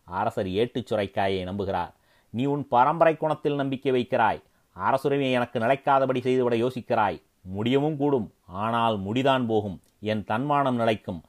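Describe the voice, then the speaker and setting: A man's voice: medium pitch, moderate pace, close to an everyday voice. A man voicing a proud, defiant young king who refuses servitude, in a declamatory, indignant dramatic story reading.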